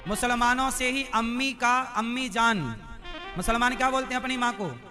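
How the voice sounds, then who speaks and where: A man's voice: very high voice, animated, moderate pace, over music. A man giving a devotional discourse as preacher, quizzing and teasing his listeners with rhetorical questions and scolding answers. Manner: quizzes and teases the audience with questions.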